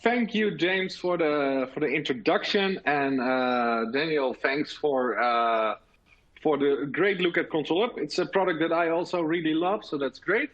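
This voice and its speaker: A native Dutch speaker from the Netherlands presents earnestly at a virtual conference, his Dutch accent clear and his speech full of filler sounds and restarts. His voice is a little high, a bit bright and a little slow, and the recording is muffled.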